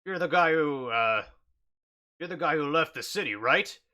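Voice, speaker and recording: A man's voice: fairly high pitch, expressive, normal speed, bright, forceful tone, voice pushed up. A man doing Kruby, a smug bugbear ruler. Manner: lazy, hesitant, full of uhs. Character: smug male bugbear, self-made town ruler.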